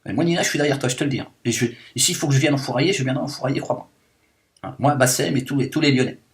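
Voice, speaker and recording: Speaking very fast in a mid-range, lightly acted voice, a man takes on the role of a self-declared liberated woman. The satirical monologue is an indignant, rambling rant full of fillers and mock outrage.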